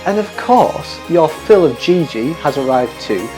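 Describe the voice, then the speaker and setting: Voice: medium pitch, sing-song, unhurried, music in the background. A vlog host chatting to the viewers in a gushing, affectionate, cheeky and teasing way. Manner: cheeky, playful. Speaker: show host. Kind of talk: chatty fashion vlog to camera.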